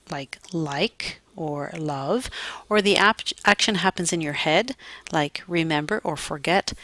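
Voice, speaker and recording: A woman teaching English grammar at a slow, deliberate pace, her voice sitting a little low. The sound is dry and close, with no room around it. Now and then she slips in a deadpan aside. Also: no room sound. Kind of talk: grammar lesson to students.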